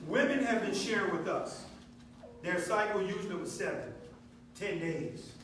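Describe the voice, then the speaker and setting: A man pitching a product to a live audience in an emphatic, preacher-like way, asking the crowd questions. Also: expressive, normal speed, a bit bright. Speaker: speaker presenting a product to an audience. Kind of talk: preacher-like sales talk with call and response. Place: meeting room with a live audience. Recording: echoey noisy room from far off.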